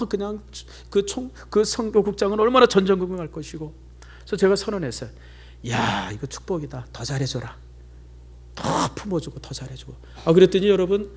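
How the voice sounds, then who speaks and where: Middle-aged male pastor, fairly high voice with big swings, chatty sermon storyteller, drops to near-whispers. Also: darkish tone.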